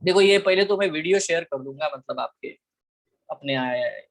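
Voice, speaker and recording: An Indian man with a slightly raised pitch leads an online biology class. He moves between Hindi and English in a coaxing teacher's manner, calls students "beta" and keeps checking whether they are clear. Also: normal speed, low-quality recording. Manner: asks the class frequent check questions.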